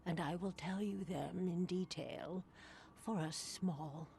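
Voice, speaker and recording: Slow, creaky-voiced fortune teller. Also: female voice, lowish voice, warm tone, slight background noise. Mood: sly, bargaining. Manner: slow, theatrical, mystical fortune-teller delivery. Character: sly, teasing female fortune teller selling cryptic visions. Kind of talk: video game character acting.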